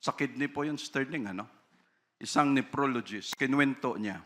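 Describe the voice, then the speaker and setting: A man's voice: medium pitch, normal speed, sharp tone. A male pastor preaching a conversational sermon, switching between Tagalog and English and tagging sentences with a questioning "no?". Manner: conversational preaching, frequent tag "no?"; acts out quoted voices.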